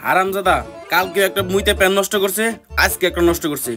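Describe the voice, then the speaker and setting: A bossy, short-tempered mother, played by a man in a comic skit, nagging her sons. The voice sits high and races along at a breakneck clip. Music plays underneath. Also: lightly acted. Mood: scolding. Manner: bossy, threatening, fast nagging. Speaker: actor in a comedy skit.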